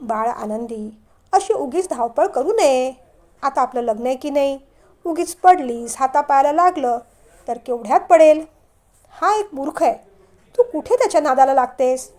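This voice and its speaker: A woman voicing a stern older father who scolds loudly and can turn gentle. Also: sits high, lively intonation, normal speed. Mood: soft, fatherly. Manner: shouting scolds.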